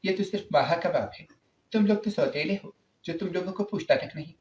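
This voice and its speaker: A man's voice: high voice, a little mellow, voice pushed up, natural voice. A man voicing a spiteful, scheming middle-aged mother who taunts bitterly in a spoken story. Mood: taunting. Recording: roomy, slightly dull recording.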